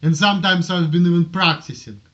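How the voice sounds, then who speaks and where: This amateur video blogger from Russia speaks with a strong Russian accent, his high voice steady, slightly quick and a little bright, though the recording cuts off the highs. Talking casually to the camera, he rambles, repeats himself and defends his position in his homemade vlog.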